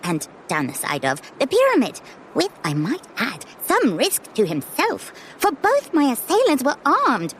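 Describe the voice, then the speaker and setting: A woman's voice: sits high, huge pitch swings, a little slow, a little hiss or hum, exaggerated voice. A woman voicing a precocious eight-year-old boy who talks in long, formal sentences, in a full-cast audio drama. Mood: earnest. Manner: long-winded formal phrasing.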